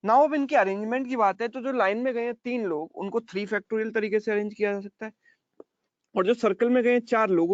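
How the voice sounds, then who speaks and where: A high-voiced male math teacher explains step by step in an online class, repeating key points and checking in with his students. The sound is dry and a little muffled, with no room echo.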